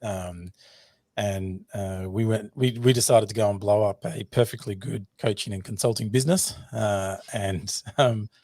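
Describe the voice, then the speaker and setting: Australian man, podcast guest, lowish pitch, dry close sound, joking, filler-heavy. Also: a little slow, no room sound. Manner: jokey, relaxed, many fillers and restarts. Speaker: podcast guest, business founder. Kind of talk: casual interview chat.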